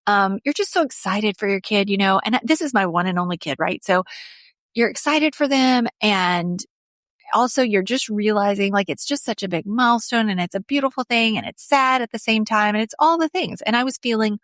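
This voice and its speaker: Chatty and candid, this middle-aged podcast host speaks straight to her audience in a casual solo episode. Her medium-pitched voice is a bit bright, with lively intonation at a normal speed, and the sound is clean studio audio with no room sound.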